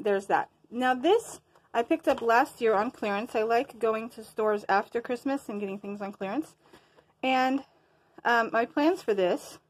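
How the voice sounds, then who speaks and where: A woman talking casually to her viewers in a crafting show-and-tell, a bit winded and rambling, losing her train of thought now and then. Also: on the high side. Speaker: crafting vlogger.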